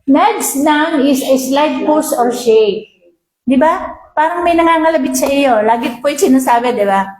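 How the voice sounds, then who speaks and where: A woman's voice: sits high, expressive, moderate pace, darkish tone, echoey room, low-quality recording. A Filipino woman pastor preaching a sermon, reading English lines and often asking her listeners questions.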